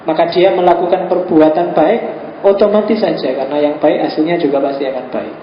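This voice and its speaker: Guy lecturing philosophy, fairly high voice, jokey, echoey room, kinda lo-fi. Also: steady tone, a little fast. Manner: joking, acts out quoted dialogue. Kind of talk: informal lecture. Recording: echoey room, dull lo-fi sound with faint hiss.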